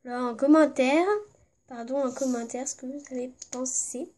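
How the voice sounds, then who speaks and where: A woman with a stuffy, congested voice from a cold chats casually to her viewers. Her voice sits high, and she rambles from one thought to the next, padding her sentences with fillers. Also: fairly even intonation, normal speed, a little mellow, slight background noise. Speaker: vlogger. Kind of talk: casual vlog chat.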